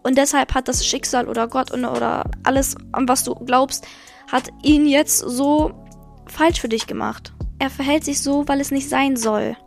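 A woman's voice: high voice, fairly even intonation, normal speed, creaky, soft background music. A young woman hosting a podcast, candidly telling a personal story and giving blunt advice straight to her listeners. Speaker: podcast host.

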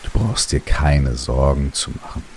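A man narrating a guided relaxation sleep story in a calm, soothing way, with long pauses between short phrases. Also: rumbling low. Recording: steady rain noise behind the voice. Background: rain.

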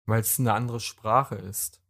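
A man's voice: on the low side, fairly even intonation, takes it slowly, a bit bright. A man co-hosting a casual podcast, explaining points in a know-it-all way. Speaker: podcast co-host.

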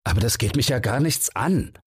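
A man voicing a restless, irritable man who bursts out brusquely, pitched well above his own husky voice. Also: big pitch swings, slow, a little mellow, dry recording, clean studio sound, exaggerated voice. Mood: irritated. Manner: agitated, jeering outbursts.

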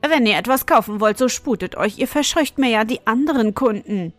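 A woman's voice: on the high side, animated, a little fast, faint music behind, lightly acted. A woman voicing an impatient shoemaker's wife who scolds a customer in a storybook reading. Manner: brusque, impatient.

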